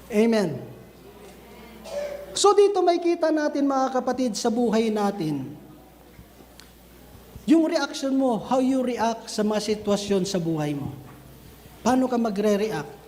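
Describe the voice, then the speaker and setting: Guy preaching to his church group, super high voice, acts stuff out, roomy reverb. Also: a little slow, long pauses, a little hiss or hum. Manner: switches between Filipino and English, addresses listeners as brethren; animated, acts out scenes with raised voice. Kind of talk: sermon. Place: church cell group gathering.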